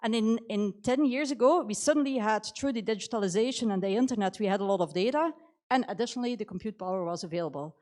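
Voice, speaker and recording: Her voice is medium in pitch, quick and a little mellow. A middle-aged woman at a conference, she speaks English with a Belgian accent and faint New Zealand coloring, offering a conversational, motivational career story laced with "you know".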